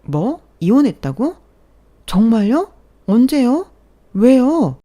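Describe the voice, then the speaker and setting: A gushing young female office coworker from a storybook tale, excitable and full of rapid questions, as a woman narrator puts her on. The voice is raised and lively, with a soft, mellow tone. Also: mid-range voice, pitched above the performer's own voice. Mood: curious.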